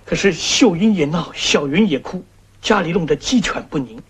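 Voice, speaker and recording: An actor playing an evasive middle-aged man in a 1970s film drama, talking hesitantly and apologetically with a husky voice. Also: a little high, animated, moderate pace, a bit bright, a little hiss or hum. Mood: hesitant, apologetic. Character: evasive middle-aged man, anxious host fending off a guest.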